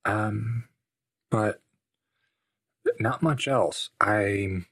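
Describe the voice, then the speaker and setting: A man playing a serious monster investigator in a tabletop game, speaking formally and deliberately, with pauses. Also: lowish voice, fairly bright tone, slightly rough, no room sound, exaggerated voice. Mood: thoughtful, unsure. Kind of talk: in-character tabletop role-play.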